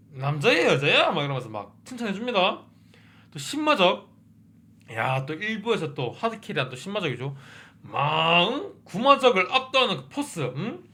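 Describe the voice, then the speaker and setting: A man hosting a review channel, chatting casually about a TV drama and excitedly tossing in little "huh?" asides. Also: fairly high pitch. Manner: excitable, keeps asking 응? and 어? mid-sentence.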